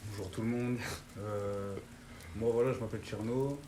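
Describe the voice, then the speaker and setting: A man's voice: lowish voice, fairly even intonation, moderate pace, dark tone, reverberant, slight background noise. A young man, a guest, telling an anime story in slangy casual chat, forever checking in with the listener. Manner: slangy storytelling with constant "tu vois".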